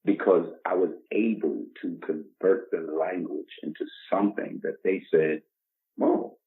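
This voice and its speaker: Low-pitched and a little slow, with fairly even intonation, a man from the Bronx, New York, in his 50s gives casual motivational talk as a podcast guest. He speaks emphatically and plays out imagined dialogue, and the recording is lo-fi, dull and muffled.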